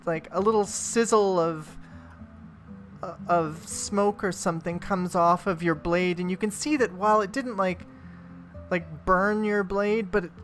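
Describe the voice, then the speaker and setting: A woman narrating as game master in a casual, hesitant way full of fillers. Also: on the low side.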